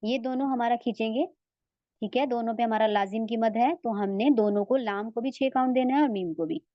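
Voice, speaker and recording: A woman's voice: a little high, fairly quick, no room sound, highs cut off. Patient woman tajweed teacher, Urdu accent. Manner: patient, asks checking questions; stretches out the sounds she demonstrates. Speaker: Quran recitation teacher. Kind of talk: online tajweed lesson.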